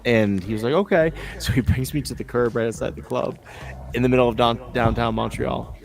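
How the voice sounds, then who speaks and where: A man co-hosting a casual live stream, telling rowdy stories in a lively way and jumping up in pitch for quoted voices. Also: brisk, vocal fry, faint music behind. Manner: animated storyteller, jumps high for quoted voices. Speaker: co-host.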